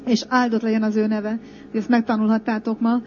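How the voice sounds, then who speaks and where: High, flat-voiced woman pastor chanting in tongues. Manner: coaxing, repetitive, chants flowing nonsense syllables. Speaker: pastor leading prayer. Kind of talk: sermon with guided prayer in tongues. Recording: dull lo-fi recording.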